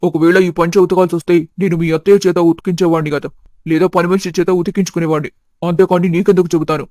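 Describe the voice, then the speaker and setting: Woman doing a gruff old cartoon father-in-law, indignant, fast and flat, dark lowered voice. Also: dry recording, natural voice. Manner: indignant, lecturing. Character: stern elderly father-in-law, village elder. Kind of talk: animated storybook voice acting.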